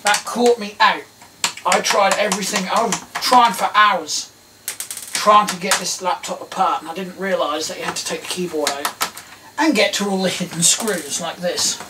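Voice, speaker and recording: At an ordinary pace and high pitch, an Englishman in middle age narrates his own thoughts, muttering and self-questioning as he repairs old electronics on camera. The setting is a small tiled indoor workshop, recorded from a slightly distant camera mic amid clear clicks and clattering tools.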